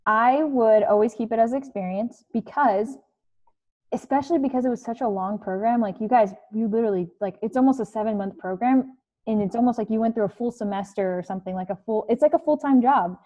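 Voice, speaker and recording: Speaking brisk and a bit high, with a dark tone, a young career coach chats her way through a casual online talk to students, filler words everywhere. She's in her living room on a video call, using an earbud headset.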